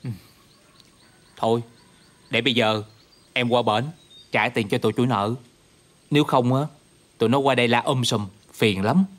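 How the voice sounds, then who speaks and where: An actor playing a caring, practical younger brother who speaks earnestly, with a Southern Vietnamese accent. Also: male voice, mid-range voice, steady tone, normal speed, pauses often, close to an everyday voice. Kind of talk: TV drama acting.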